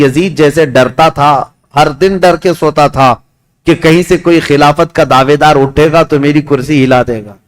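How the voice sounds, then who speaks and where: A man preaching a sermon, telling a story with passion and calling his listeners his dear ones. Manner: impassioned storytelling, rising pitch at climaxes. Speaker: Islamic preacher.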